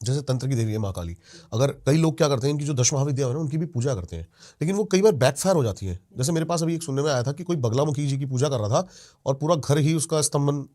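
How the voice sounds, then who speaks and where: Quick-talking man hosting a podcast. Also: mid-range voice, animated, dark tone. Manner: quick, curious questioning with short replies. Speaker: podcast host. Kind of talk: podcast conversation.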